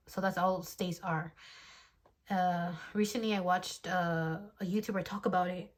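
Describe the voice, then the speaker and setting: Recorded on a phone, a twenty-something tarot reader with a mid-range voice talks straight to the viewer in a casual, encouraging reading. Her delivery rambles, leans heavily on ums, and keeps correcting itself.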